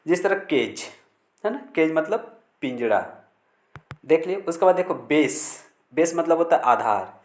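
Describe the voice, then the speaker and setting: A man with a somewhat high voice gives a patient pronunciation lesson, spelling each word out slowly and repeating the rule. He keeps checking in with short fillers. The room around him is echoey. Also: a little mellow. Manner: spells words letter by letter, repeats key rules. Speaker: English teacher. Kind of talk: Hindi-language pronunciation lesson.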